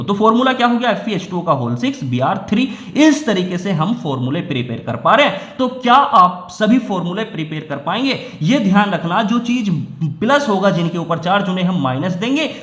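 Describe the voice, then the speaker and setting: High-voiced Hindi chemistry teacher, echoey room. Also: male voice. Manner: explains step by step, often asks and answers his own questions. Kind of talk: classroom lecture.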